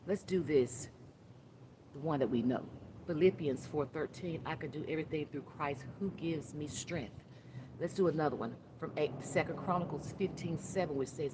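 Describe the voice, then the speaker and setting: A woman's voice: low voice, normal speed. A woman in her fifties gives a casual, rambling inspirational talk as a life coach, with asides and restarts, speaking outdoors in the wind. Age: 50s. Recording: noisy outdoor recording with wind.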